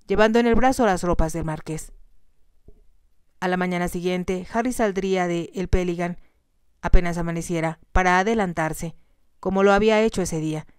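A woman calmly narrating a romance novel as a soft ASMR reading on a close mic. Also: lowish voice, clean tone, dry recording. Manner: calm, even narration. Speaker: storyteller.

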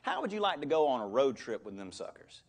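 A man preaching a sermon as pastor of a church, animated, with call-and-response to the congregation and acted-out quotes. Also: medium pitch, quick pace. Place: church sanctuary.

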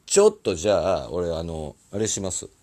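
Husky Osaka man, rambling and lively. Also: low-pitched, normal speed. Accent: Osaka dialect. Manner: rambling, apologetic, laughs often. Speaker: musician live-streaming. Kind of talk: casual live-stream chat. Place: recording studio.

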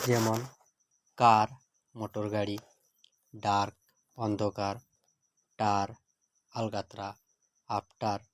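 Slow, measured male grammar teacher. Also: mid-range voice, a little mellow, dry recording. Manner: measured, word-by-word dictation with translations.

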